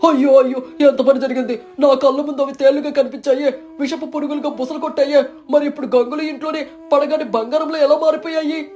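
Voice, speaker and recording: A woman voicing a greedy, jealous village man in an animated storybook, with bitter, self-pitying outbursts. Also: fairly high pitch, fast talker, close to an everyday voice. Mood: dismayed. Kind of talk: storybook character voice.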